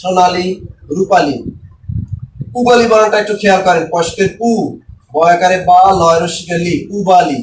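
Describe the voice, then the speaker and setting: A man teaching a spelling lesson for exam takers, repeating and spelling out words slowly and asking questions he then answers himself. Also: high-pitched, reverberant, distant mic, a little hiss or hum, low-quality recording.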